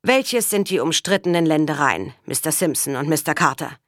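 A woman's voice: deep voice, expressive, moderate pace, a bit bright, no room sound, clean studio sound. A woman reading the part of a firm, matter-of-fact man settling a land dispute.

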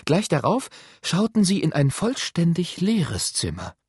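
A man narrating an audiobook in an expressive storytelling manner. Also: fairly high pitch, measured pace, breathy edge, dry recording, clean studio sound. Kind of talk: scripted narration.

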